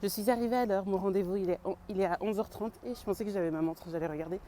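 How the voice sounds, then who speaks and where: A woman's voice: mid-range voice, racing, mellow, a little hiss or hum. A woman vlogger chatting casually and slangily, as if to friends. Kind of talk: casual vlog chat.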